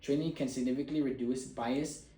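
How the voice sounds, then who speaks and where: A student delivers a prepared persuasive speech, earnest and emphatic, in a roomy, echoey space. His voice is dark and mellow with average pitch, steady in tone and fairly quick.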